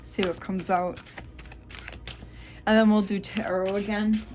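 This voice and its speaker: A woman's voice: medium pitch, little pitch movement, a little slow, darkish tone. A woman giving a tarot reading to her viewers, exasperated, muttering and swearing between cards. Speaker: tarot reader.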